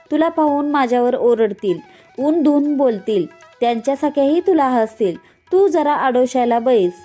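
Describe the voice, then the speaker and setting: A woman's voice: high-pitched, mellow. A woman voicing an anxious young female servant who talks nervously and earnestly, over faint music.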